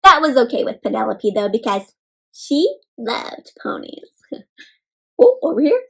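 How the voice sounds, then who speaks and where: A woman with a fairly high voice, vocal fry and a slightly rough quality reads to young children at a measured pace. She's expressive and interactive, gasping and asking encouraging questions in simple words.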